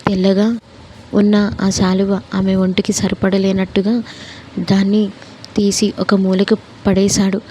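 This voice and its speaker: Woman storyteller reading a romance, steady and even, low mellow tone. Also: unhurried, slight background noise, low-quality recording.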